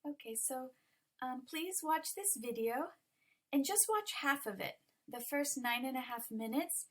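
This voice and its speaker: Slow, patient woman teacher. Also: high-pitched, expressive, fairly bright tone. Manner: slow, patient explaining with many ums. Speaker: ESL teacher. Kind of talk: recorded online lesson walkthrough.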